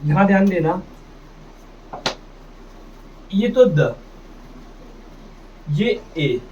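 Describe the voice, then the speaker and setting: A man's voice: high voice, very animated, slow pace, darkish tone. A man teaching English reading in a classroom, sounding out words and quizzing his students with his own questions. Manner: drills pronunciation, asks and answers his own questions. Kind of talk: classroom phonics lesson. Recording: distant dull mic with faint noise.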